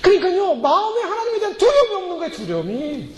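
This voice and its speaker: High, lively preaching man in echoey hall. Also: fast talker, a little hiss or hum. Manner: emphatic preaching, acting out prayers and quoted voices. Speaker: pastor. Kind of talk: sermon. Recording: echoey hall reverb, faint ambience.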